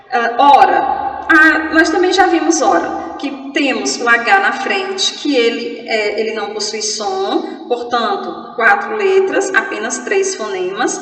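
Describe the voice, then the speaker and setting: High-voiced Brazilian woman teaching, echoey. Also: a bit bright, distant mic. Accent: Brazilian Portuguese. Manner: playful, chatty, spelling words out slowly. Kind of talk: online grammar class.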